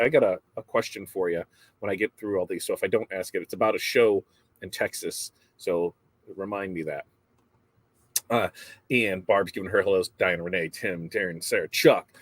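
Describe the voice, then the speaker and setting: A man with a low, husky voice hosts a relaxed morning livestream, greeting viewers one by one and rambling between their comments. The sound is close and dry, with no room around it. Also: dry recording. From United States. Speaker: livestream host. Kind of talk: casual live chat reading viewer comments.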